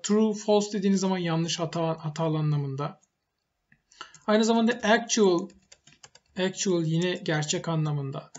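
A man's voice: sits high, highs cut off. Man teaching vocabulary, repeating each word. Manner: explanatory, repeats words for emphasis. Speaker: English teacher. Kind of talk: vocabulary lesson while typing.

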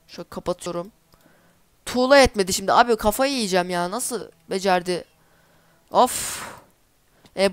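A woman's voice: mid-range voice, smooth, no echo. A woman giving casual let's-play commentary, chatty and easily exasperated, talking to herself as she plays. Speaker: gameplay commentator.

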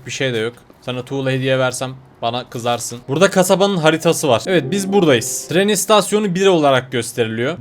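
A man talks quickly through his gameplay in a fairly high voice, narrating each move and reading the game's messages aloud. He sounds like a gaming creator at a desk mic, with a faint hiss of noise behind him. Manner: chatty play-by-play, reading in-game text aloud, turns frantic when caught. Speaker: gaming YouTuber. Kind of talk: game commentary.

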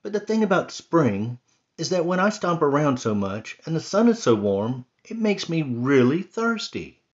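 A man's voice: fairly high pitch, big pitch swings, moderate pace, highs cut off, pitched above the performer's own voice. A man voicing a cranky male rabbit who keeps grumbling and complaining, in a storybook reading. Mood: grumpy.

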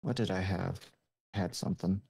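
A man's voice: deep voice, fairly quick, creaky, warm tone, breathy edge. A man playing a tabletop game, unsure and hesitant while checking his options. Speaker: player.

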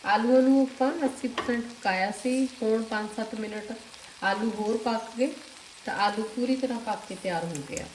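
A woman with a Punjabi accent, hosting a cooking channel, calmly explaining each step and speaking to viewers directly. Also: on the high side, normal speed. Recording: echoey kitchen with faint noise. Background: sizzling and stirring of food.

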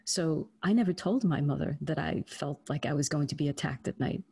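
A woman's voice: sits low, fairly quick, warm tone, husky. A woman in her fifties from Trinidad, an author telling her story earnestly and reflectively in an interview. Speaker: author guest. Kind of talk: interview conversation. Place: studio against plain grey backdrop.

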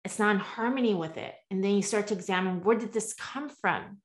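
Talking a little fast in a medium-pitched voice, a guest coach in her forties, born in the US and partly raised in Taiwan, candidly shares her story over a video call from home. She's earnest, gestures animatedly with her hands, and frequently throws in "right?"

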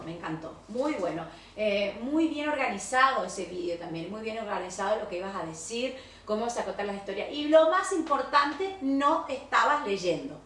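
A woman with an Argentine Spanish accent, an English teacher giving recorded feedback on a class, slowly drilling English words and explaining in quick Spanish. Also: on the high side, a bit bright. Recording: echoey room, voice a bit far from the mic.

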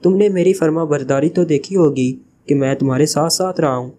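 A man's voice: on the high side, a little fast, dark tone, slight background noise, natural voice. A man reading as a teasing joker spy leader. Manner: teasing, playfully evasive. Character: sly joking male spy team leader.

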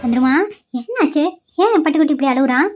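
A woman's voice: high-pitched, expressive, fast, muffled recording, faint music behind. A woman voicing a worried young mother in a cartoon, anxious and fretful about her son.

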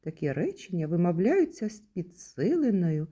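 A woman kindergarten teacher from Ukraine giving a recorded lesson to young children, speaking in a slow, sing-song teacherly way. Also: on the low side, sing-song, warm tone, husky.

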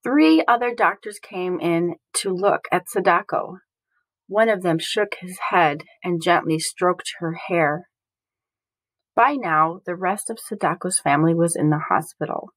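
A woman reading a chapter book aloud slowly and carefully for beginning readers. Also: lowish voice, no echo, rough recording. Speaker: storybook reader.

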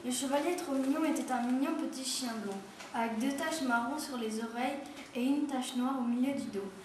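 A woman at a school reading a children's story aloud with steady delivery. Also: sits high, normal speed. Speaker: reader at a school. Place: school room. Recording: echoey room, far from mic, noisy.

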